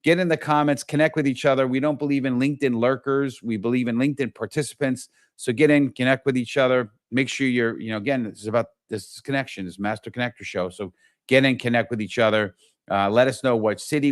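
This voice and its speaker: A middle-aged man hosts a live-stream talk show at a mid pitch, recorded bone dry with no room sound. He talks with eager enthusiasm. He stumbles and repeats words as he goes. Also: fast, dry recording. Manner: enthusiastic, repetitive, many restarts. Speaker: show host.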